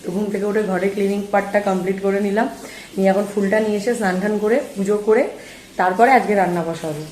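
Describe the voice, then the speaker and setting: A woman's voice: medium pitch, fairly even intonation, fast, a little mellow, reverberant, slight background noise. A woman vlogger chatting casually to her viewers about her day at home. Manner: chatty, talks straight to viewers. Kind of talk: casual vlog chat.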